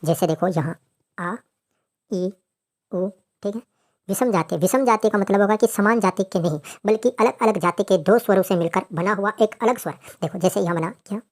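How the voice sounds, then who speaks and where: A woman's voice: medium pitch, normal speed, darkish tone. A woman teaching grammar in a lecture, asking questions and then answering them herself.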